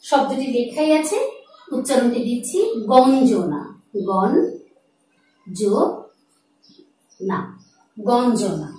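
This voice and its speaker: Woman teacher with a high voice, spelling out words slowly in a pronunciation class. Recorded in a strongly echoing room, well off the mic. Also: animated, a little mellow. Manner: slow, drawn-out demonstration of words; addresses students as friends. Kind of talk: pronunciation lesson. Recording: very echoey, from far off the mic.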